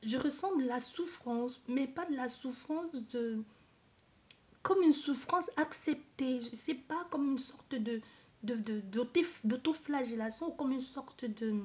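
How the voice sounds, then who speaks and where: A woman with a fairly high voice tells her own story straight to the camera. She hesitates, restarts her sentences and repeats words while she searches for how to say things. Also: a little slow. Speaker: vlogger. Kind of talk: personal testimony to camera.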